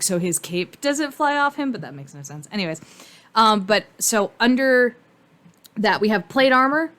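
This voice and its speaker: Casually rambling woman, thinking out loud. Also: mid-range voice. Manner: informal, mildly sweary, thinking out loud. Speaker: fan commentator. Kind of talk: casual rambling commentary on cartoon costume design.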